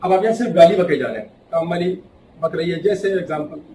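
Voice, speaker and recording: Man, spiritual talk to a live room; slightly high, animated, echoey and off-mic. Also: fast, recorded from a distance, a little hiss or hum. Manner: animated, acting out quoted voices with sharp swings between loud and hushed. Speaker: spiritual speaker.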